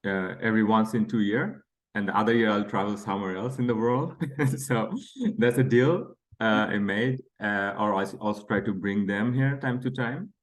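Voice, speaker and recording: Author guest: man, deep-ish voice, relaxed conversational talk with many fillers. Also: normal speed. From Bangladesh. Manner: friendly, chatty, laughs between phrases, many fillers. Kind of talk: casual interview chat.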